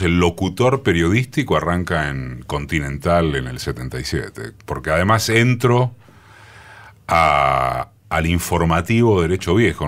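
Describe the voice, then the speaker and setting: A man in his sixties with a Rioplatense accent and a booming, forceful deep voice, telling his story in a radio studio interview with many pauses. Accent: Rioplatense Spanish. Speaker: radio journalist guest. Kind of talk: reminiscing interview talk.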